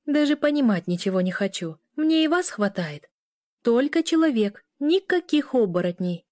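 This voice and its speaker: A woman voicing a cheeky, quick-tempered teenage girl who snaps back with indignant, high retorts. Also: big pitch swings, darkish tone, no room sound, clean studio sound.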